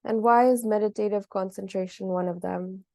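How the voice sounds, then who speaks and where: Guiding a meditation, this woman speaks in a calm, mid-range voice with vocal fry and very little variation in pitch. She is a meditation teacher whose gentle, measured delivery leaves long gaps between phrases. The sound is close and dry, with no echo.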